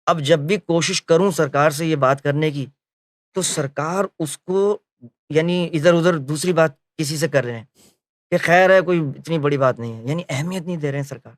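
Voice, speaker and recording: This man's voice is a little high as he narrates what he remembers of a spiritual leader, performing the quoted exchanges. Filler phrases and self-corrections frequently interrupt him. The sound is clean studio audio with no room sound.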